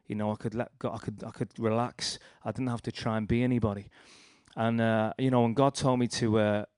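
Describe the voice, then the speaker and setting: A young man with a Liverpool accent tells his personal testimony in a rambling, storytelling way. His voice sits fairly low, and the recording is dry and close. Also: little pitch movement, a little fast, darkish tone, smooth, no room sound. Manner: rambling, storytelling with restarts and acted quotes. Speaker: speaker sharing a testimony.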